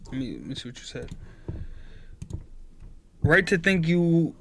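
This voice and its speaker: A man's voice: on the high side, sing-song, a little slow, creaky, heavy background noise. A twenty-year-old man chatting casually on a live stream, giving his chat an earnest, preachy pep talk.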